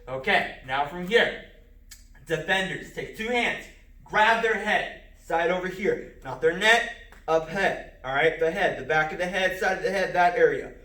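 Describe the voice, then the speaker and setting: A man, a martial arts instructor, calling out self-defense moves step by step in an empty martial arts school, with sharp shouts on the strikes. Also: high voice, roomy sound, distant mic. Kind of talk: filmed self-defense lesson.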